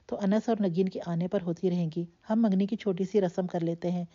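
A woman's voice: fairly low pitch, steady tone, warm tone, lo-fi sound, lightly acted. A woman reading the lines of a loving, worried older aunt who treats her nephew as a son, in an earnest, coaxing manner. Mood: fond.

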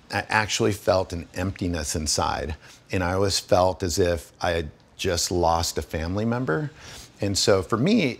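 A man's voice: low voice, creaky, breathy edge. A man in his forties, from Guatemala, a garage owner telling his story in a friendly, enthusiastic, casual interview inside a large garage. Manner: enthusiastic, friendly, lots of fillers. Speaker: garage owner, vintage bus restorer. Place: large indoor garage full of old buses.

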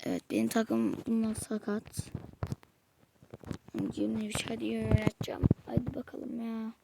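A woman's voice: on the high side, little pitch movement, moderate pace, vocal fry, very noisy. A woman giving exasperated live commentary while playing a football video game, muttering to herself and snapping at the game. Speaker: gamer.

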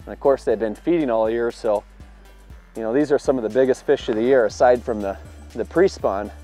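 This man in his thirties speaks briskly in a dark, mid-range voice over soft background music. A fishing video producer, he stands in an open boat on a lake and gives an upbeat on-the-water demonstration, explaining his tackle and the fish he catches.

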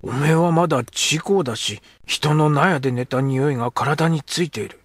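Guy doing a gruff sulky edo street kid, coarse slang, husky voice, storybook. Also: fairly high pitch, normal speed, dry recording, pitched above the performer's own voice, natural voice. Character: rough young Edo street boy, sulky. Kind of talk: audiobook character voice.

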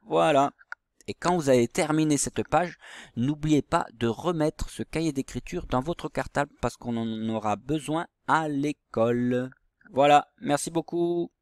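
A man teaching young children handwriting step by step, in a slow, patient way. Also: on the high side, a little mellow, no room sound, clean studio sound. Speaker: primary school teacher.

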